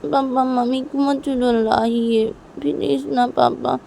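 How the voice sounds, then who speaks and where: A woman's voice: sits high, steady tone, slow, gravelly, mellow, slight background noise, pitched above the performer's own voice, heavily acted. A woman voicing a small daughter who pleads with her parents in a whiny, repetitive way, in a homemade story. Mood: upset pleading.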